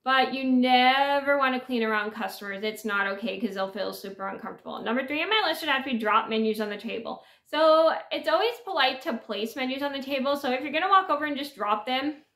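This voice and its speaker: A woman in her thirties speaks straight into a webcam from a small bedroom, her voice pitched a little high and bright. She talks earnestly, circling back over her points with fillers and restarts, and the room gives her a noticeable echo. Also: a little fast, few pauses. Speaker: vlogger. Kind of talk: casual talk to camera. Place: small bedroom with sloped ceiling.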